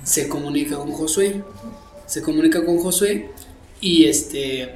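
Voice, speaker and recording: A man telling a story in a casual podcast chat, animated and full of fillers. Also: a little high, measured pace, faint music behind. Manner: animated storyteller, acts out quotes, many fillers. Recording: roomy echo.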